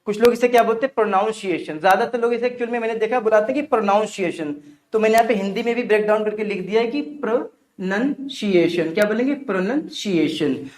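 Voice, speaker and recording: A man's voice: very high-pitched, steady tone, very fast, hardly any pauses, darkish tone, reverberant. A Hindi-speaking man with an Indian English accent teaching English pronunciation, asking questions and answering them himself. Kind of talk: online English pronunciation lesson.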